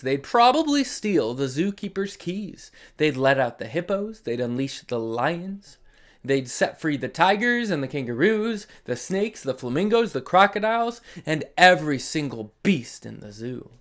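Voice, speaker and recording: Very animated yet measured in pace, this read-along host for children has a slightly high voice. He performs the story with dramatic emphasis and breaks off for friendly asides to the kids listening.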